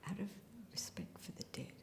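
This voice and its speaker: An actress playing a weary, resigned middle-aged mother in prison, speaking in a hushed, whispery voice. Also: moderate pace, close to an everyday voice. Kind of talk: drama acting. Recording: echoey room.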